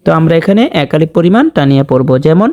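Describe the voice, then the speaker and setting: A man teaching correct Quran recitation, explaining each rule plainly and then reciting the words slowly and drawn out. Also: on the high side, animated, mellow, muffled recording. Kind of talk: slow step-by-step tajweed lesson with recited examples.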